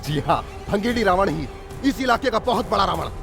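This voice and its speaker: A man's voice: high-pitched, animated, fairly quick, vocal fry. A man dubbing a gloating, menacing village strongman villain in a film, taunting and chuckling as he speaks. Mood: leering menace. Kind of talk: Hindi film dub. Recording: film soundtrack with music behind.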